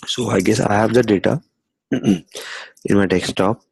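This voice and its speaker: A young man talks through a screen-recorded coding lesson in a loose, conversational way, tucking "okay" between his phrases. His voice sits low and husky, with a gravelly edge, and the close mic sounds dry. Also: fairly even intonation, a little slow, a little mellow, no room sound, poor audio. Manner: conversational, repeats "okay" often, restarts phrases. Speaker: instructor.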